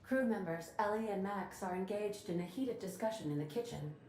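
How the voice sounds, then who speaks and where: A woman voicing a calm, formal female ship computer who speaks in a precise, politely deadpan way, like an AI processing information. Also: medium pitch, fairly quick, slight background noise. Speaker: ship computer in a video game. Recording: roomy game audio with faint music.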